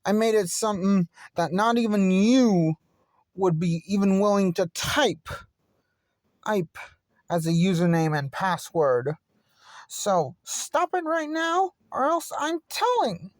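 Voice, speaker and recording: An earnest teenage boy who dreams of being a hero stands his ground against a bully, voiced by a fan actor. He speaks in a plain voice at an unhurried pace. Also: mid-range voice, animated, no room sound, studio quality. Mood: determined. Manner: stubborn, threatening to tell on a bully. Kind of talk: fan voice acting.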